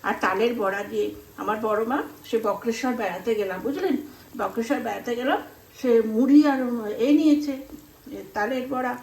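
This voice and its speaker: Her voice is on the high side, creaky and a little mellow, moving at normal speed as this middle-aged Bengali-accented home cook chats away. She rambles through casual stories while cooking and acts out remembered exchanges, with roomy echo and some background noise.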